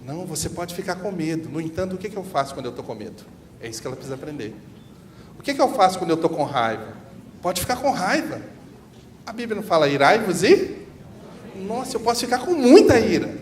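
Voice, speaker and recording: A man giving a church seminar talk, animated and preaching, on a PA microphone. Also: high-pitched, fast. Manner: animated, preaching, with acted examples. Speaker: seminar speaker. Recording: reverberant hall, faint noise.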